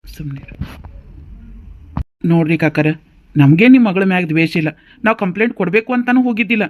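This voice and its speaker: A man, dubbing a cartoon role. He sounds polite and reasonable. His voice is somewhat high for a man. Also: lively intonation, rapid-fire. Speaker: voice actor in a cartoon story.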